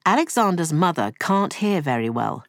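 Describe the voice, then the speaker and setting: A woman narrating a cartoon story in a scripted, clear storybook manner. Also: fairly low pitch, no room sound.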